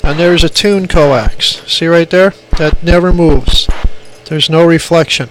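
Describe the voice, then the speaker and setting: A radio hobbyist shows off his gear in a casual, hands-on tutorial, captured in low quality on an amateur phone. His fairly high voice moves a little slowly as he makes his points plainly and emphatically, going over them again and again.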